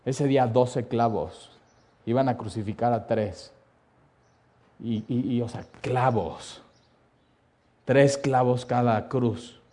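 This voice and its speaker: A man preaching a sermon, telling the story dramatically, dropping to a hush and then rising loud, with repeated lists. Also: medium pitch, takes it slowly, long pauses.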